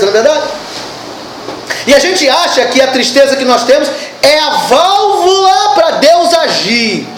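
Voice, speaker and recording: A woman preaching a sermon at a church service, animated and asking the congregation questions. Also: sits high, roomy sound, a little hiss or hum, low-quality recording.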